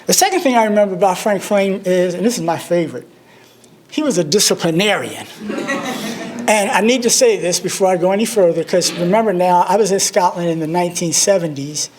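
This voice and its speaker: A man's voice: high-pitched, animated, brisk, darkish tone. A man, giving a memorial tribute speech. He tells humorous, self-deprecating stories. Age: 60s. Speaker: alumnus speaker at a memorial service.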